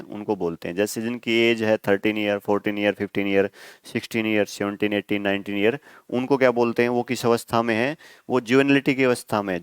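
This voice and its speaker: A man's voice: medium pitch, clear, resonant tone, no room sound, clean studio sound. A male teacher giving an exam-prep vocabulary lesson. He asks the class questions and answers them himself, checks with "okay?" again and again, and spells words out letter by letter.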